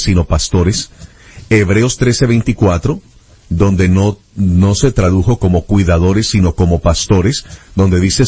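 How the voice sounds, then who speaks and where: A man with a low, husky voice conducts a conversation about scripture. He reads passages aloud in a steady, methodical way while checking his sources. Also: no echo. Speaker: interviewer.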